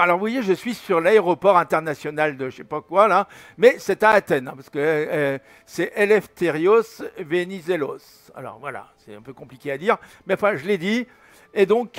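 Older man in his seventies, casual tutorial host, slightly high voice, rambling, frequent fillers. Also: fairly bright tone. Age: 70s. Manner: rambling, many fillers and restarts. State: recovering from fever, slight headache. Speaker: flight sim tutorial host.

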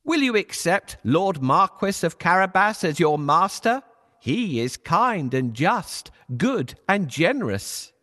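A cunning, smooth-talking cat, put on by a man for a bedtime storybook. The voice sits high and swings widely in pitch as he flatters and persuades. It sounds playful and scheming. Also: slow pace, exaggerated voice. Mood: scheming, flattering.

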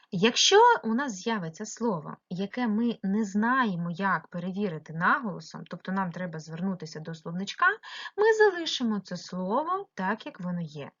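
A woman teacher from Ukraine giving a remote primary-school lesson, slowly drawing out words to mark their stress. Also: medium pitch, a bit bright, breathy edge, dull audio. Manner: slow, drawn-out stressing of words.

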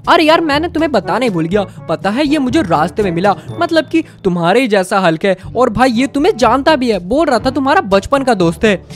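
A woman's voice: fairly high pitch, sing-song, fairly quick, hardly any pauses, soft background music. A woman voicing a casual young male friend in a game story, chatty and exasperated. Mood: puzzled. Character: Franklin, easygoing young male buddy, puzzled.

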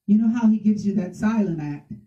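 A woman guest telling a lively faith testimony, often laughing between lines. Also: medium pitch, a little fast. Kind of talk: testimony storytelling. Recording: echoey, distant, dull sound.

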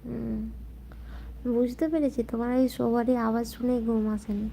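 Female streamer, quiet chatty delivery to viewers, flat even pitch, phone mic. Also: normal speed, creaky, a little hiss or hum. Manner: speaks softly so as not to wake sleeping family; chatty, reads and answers viewer comments. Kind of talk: casual late-night live chat.

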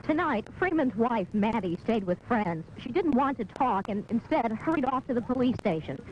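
A woman's voice: on the high side, expressive, normal speed, dull audio. A woman narrating a scripted TV news report, heard on warbly old tape. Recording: warbly warped 1980s tape, clear noise.

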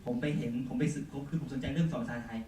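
A man's voice: medium pitch, racing, warm tone. Man teaching in an echoey room. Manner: chatty, full of polite particles. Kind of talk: software demonstration lesson. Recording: echoey room, mic far off, faint noise.

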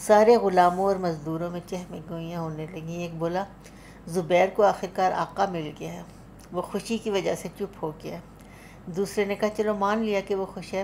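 A woman with a lower voice and a Pakistani Urdu accent reads a literary story aloud as an audiobook narrator. She tells it dramatically and rises in force when the characters cry out. A faint ambient hum sits under her voice. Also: warm tone.

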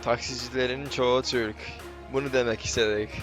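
A man chatting casually on a live game stream in halting, broken Turkish with foreign phrasing, slipping into English. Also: mid-range voice, steady tone, music in the background. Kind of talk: casual live stream chat during gameplay.

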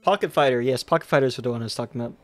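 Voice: medium pitch, rapid-fire, no room sound, soft background music. A livestreamer giving rambling, self-mocking live commentary while playing, swearing and raging at the game.

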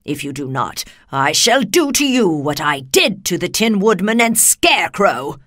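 A woman narrator acts out a wicked witch from a children's storybook. She is cruel and bossy, giving menacing commands in a raised, forceful voice. The sound is dry. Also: on the low side, sing-song, unhurried, dry recording, heavily acted. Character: wicked witch, cruel, domineering, shrieking when beaten.

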